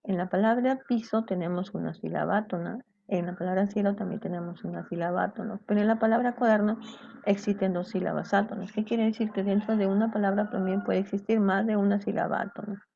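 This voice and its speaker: Talking fast with vocal fry, this woman has a medium-pitched, mellow voice and fairly even intonation. Her grammar lesson for students proceeds step by step, punctuated by "¿cierto?" and "¿bien?", on a dull lo-fi recording.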